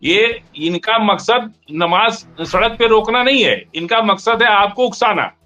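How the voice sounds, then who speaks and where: A man's voice: sits high, animated, measured pace, sharp tone, faint music behind. A man in a heated political discussion, arguing emphatically and cutting in on the other speaker. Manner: argumentative, emphatic, interrupts. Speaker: debate panelist.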